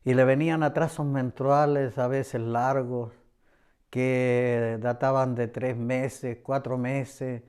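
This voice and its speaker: Speaking in a mid-range voice with little pitch movement, a middle-aged Chilean man shares his religious testimony as a church member, earnest and repetitive. The voice sounds warm, mellow, smooth and clear, and he frequently stops on hesitant fillers between phrases.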